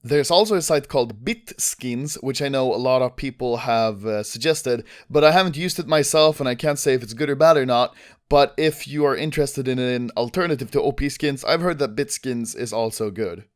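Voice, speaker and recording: A young man giving a relaxed, chatty step-by-step tutorial. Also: medium pitch, moderate pace. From Sweden. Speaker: gaming YouTuber. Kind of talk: casual tutorial.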